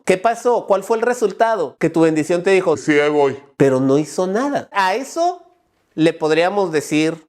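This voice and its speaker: A man with a Mexican accent giving a motivational teaching talk as a life coach, acting out everyday dialogues in quick voices and sometimes raising to a shout. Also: on the high side.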